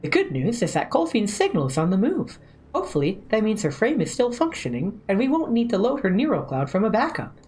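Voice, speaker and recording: A woman's voice: mid-range voice, wildly swooping pitch, a little fast, darkish tone. A woman voicing a teasing, possessive female companion in an anime game, with a coy manner. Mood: informative, playful.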